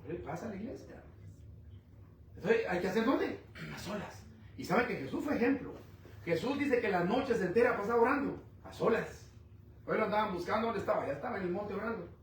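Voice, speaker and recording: Brief: male preacher, high voice, rhetorical questions, loud-to-quiet swings, distant mic. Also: expressive, a little fast, slight background noise. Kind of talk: sermon. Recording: echoey room, mic at a distance.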